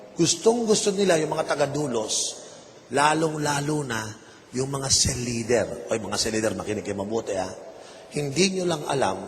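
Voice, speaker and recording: A man preaching a sermon as pastor, slipping English phrases in and asking the congregation questions. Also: medium pitch. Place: church. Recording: reverberant hall, faint noise.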